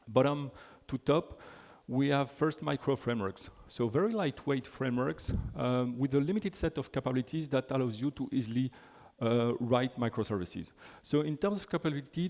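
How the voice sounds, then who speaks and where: A man from Belgium, speaking with a French accent, gives a technical talk at a conference. His voice is medium-pitched and a little mellow, and his manner is chatty and self-deprecating, with plenty of fillers and restarts. The large hall has long reverb.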